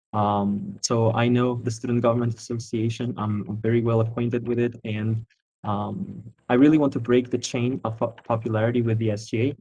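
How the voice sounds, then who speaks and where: A man's voice: mid-range voice, a little mellow, poor audio. A young man from Armenia, raised in Italy, giving an earnest student campaign speech with many fillers. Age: young adult. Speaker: student candidate.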